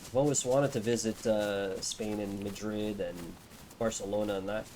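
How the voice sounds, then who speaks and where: A man's voice: on the low side, steady tone, moderate pace, darkish tone, a little hiss or hum. A young man streaming a game, chatting casually and amiably with strangers he meets. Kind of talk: casual chat while playing a game.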